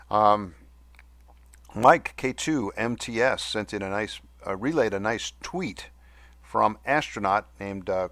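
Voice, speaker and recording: A man with a fairly low voice hosts a podcast, recorded very dry. His S sounds whistle slightly. He talks casually and haltingly, with good-humoured, self-deprecating asides. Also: a bit bright, no room sound. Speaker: podcast host. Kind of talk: casual monologue reading listener mail.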